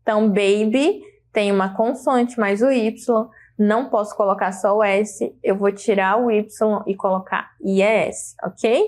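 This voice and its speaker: A woman's voice: medium pitch, steady tone, a little slow, a little mellow. A Brazilian woman with a Brazilian Portuguese accent teaching an English grammar lesson, explaining patiently and checking in with her students.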